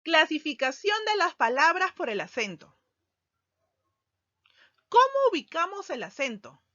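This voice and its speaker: A woman teacher giving a recorded grammar lesson, speaking slowly and deliberately and stressing key words. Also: very high-pitched, sing-song, fairly bright tone, no room sound. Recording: dull lo-fi sound, dry.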